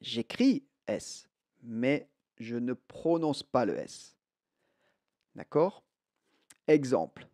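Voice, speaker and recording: Male language teacher running slow repeat-after-me drills, mellow voice, dry close sound. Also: medium pitch, very animated. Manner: repeats each sentence slowly for learners to echo. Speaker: French teacher.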